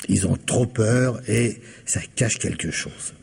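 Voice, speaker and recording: A man with a fairly low, slow, creaky voice, darkish and slightly rough, uses an exaggerated delivery to play a patient, doggedly suspicious police investigator in a French radio mystery. Pensive and suspicious, he talks conversationally, asking questions in a hesitant yet insistent way.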